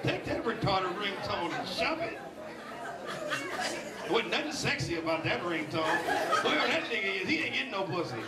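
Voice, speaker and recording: A man doing a loud, crude stand-up set in a comedy club, riffing with the crowd. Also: sits high, big pitch swings, normal speed, long pauses, recorded from a distance, very noisy. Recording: roomy live club sound, mic off-axis. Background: loud crowd laughter.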